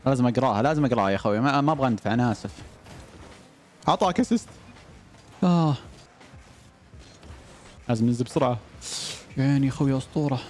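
A man's voice: quick pace, pauses often. A young man commentating on his own gameplay, cheering and groaning at the plays. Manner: excitable, shouts and cheers at plays, jumps from low mutters to high yells. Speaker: gaming YouTuber.

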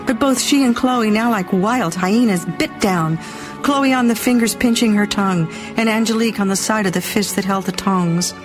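A woman narrating an audiobook in a dramatic, expressive reading style. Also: mid-range voice.

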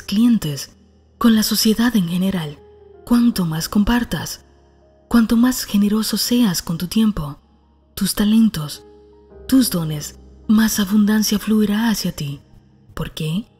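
Woman, breathy husky voice, mellow tone, calm scripted narration, faint music behind. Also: mid-range voice. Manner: calm, soft, breathy reading.

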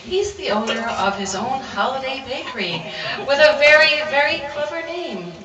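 A woman playing a prim, soft-spoken radio co-host in a live pub comedy sketch, speaking into a handheld mic. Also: high voice, animated, moderate pace. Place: crowded pub. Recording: echoey pub, far mic, crowd noise.

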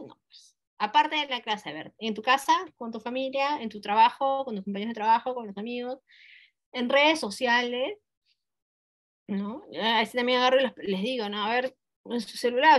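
A woman teaching over a video call in a loose, conversational way. She fills her talk with tag questions and hesitations and clears her throat now and then. Her voice sits a little high. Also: fairly bright tone. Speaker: English teacher leading a webinar. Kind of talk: live online teacher talk.

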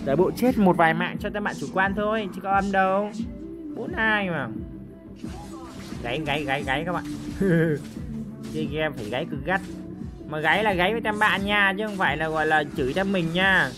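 A man giving excited live commentary over a mobile game he is playing, full of repeated cries and joking boasts to viewers. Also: high-pitched, quick pace. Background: game music.

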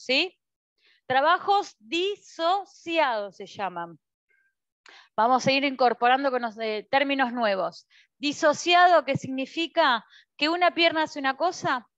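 In a Pilates studio, a female instructor with an Argentine Spanish accent cues the class through movements, checking in often and offering encouragement. Her voice is high and fairly bright, recorded lo-fi with no room sound.

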